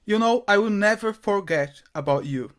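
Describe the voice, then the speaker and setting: A man's voice: high-pitched, lively intonation, moderate pace. A man from Brazil, hosting a casual interview over a video call, eager and chatty, sometimes cutting in. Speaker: interviewer host.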